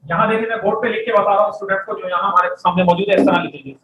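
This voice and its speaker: A man's voice: high voice, steady tone, very fast, a bit bright, lo-fi sound. A man teaching Arabic vocabulary in a classroom lecture. He drills words and has his students repeat them after him. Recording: echoey room, faint background noise.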